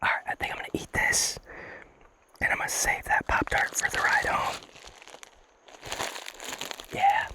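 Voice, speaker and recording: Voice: a little slow, long pauses, sharp tone. A hiker whispering casually to viewers in an ASMR vlog, chewing food while talking on a mountain trail. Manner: casual, chatty, addresses viewers as guys. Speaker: ASMR hiking vlogger. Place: outdoors on a mountain hiking trail. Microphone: action camera.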